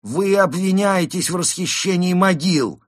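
A bellowing moose police inspector for a storybook, loud and pushy, always raising his voice to a higher bark, as a male narrator puts him on. The voice stays husky and sits close to a dry mic, each line jumping up with lively swings. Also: normal speed, no echo. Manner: barking, raises voice to shout.

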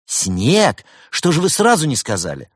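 A man's voice: on the high side, huge pitch swings, unhurried, slightly rough, no echo, clean studio sound, voice pushed up, heavily acted. A man voicing a cheerful young male tech-support worker with an eager, helpful manner. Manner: chirpy, eager, bright helpful phone manner. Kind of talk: audiobook character voice.

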